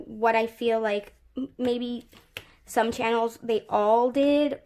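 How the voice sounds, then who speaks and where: A woman with a slightly high voice talks through a craft tutorial while her hands stay busy. She chats loosely, thinking aloud, with plenty of fillers and restarts. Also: darkish tone. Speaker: craft channel host. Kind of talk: casual craft tutorial talk.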